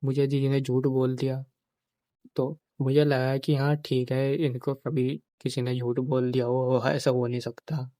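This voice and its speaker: Speaking at a measured pace, a young man's medium-pitched, mellow voice stays flat as he shares a painful memory on his personal storytelling vlog, with no room sound. His grief shows as he repeats phrases again and again and relays others' words as dialogue.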